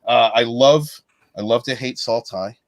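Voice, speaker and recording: A man's voice: mid-range voice, a little slow, dry recording. An easygoing man rambling through his take on a podcast panel. His voice is close and dry, with no room sound around it. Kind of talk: casual chat.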